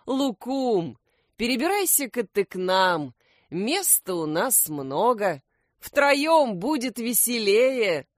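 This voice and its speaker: A cheerful, self-assured animal detective from a children's story, read by a woman. He speaks slowly and surely, with a lively rise and fall in a dry, close sound. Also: on the high side, no echo, voice pushed up. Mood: confident. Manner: confident, cheerful.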